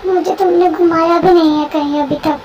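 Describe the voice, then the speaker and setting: A high young voice plays a pushy, restless young woman friend in a homemade story, nagging loudly. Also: fairly even intonation, moderate pace, lo-fi sound, slight background noise.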